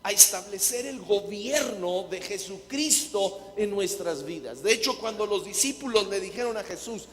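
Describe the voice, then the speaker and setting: High bright preacher guy in a church hall with a long echo, keeps asking the crowd stuff. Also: lively intonation. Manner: quizzes the audience with quick questions. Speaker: guest preacher. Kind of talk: sermon with jokes to a congregation.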